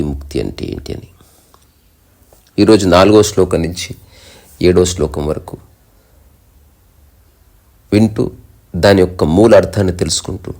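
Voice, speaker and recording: Deep gravelly man giving a spiritual discourse. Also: darkish tone. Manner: chants Sanskrit verses slowly, then explains them plainly. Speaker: spiritual teacher.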